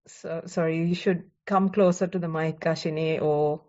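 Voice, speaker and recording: A woman's voice: low voice, fairly even intonation, moderate pace, a little mellow. A woman moderating an online question session, polite and apologetic toward participants. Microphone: video call. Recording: muffled online call audio.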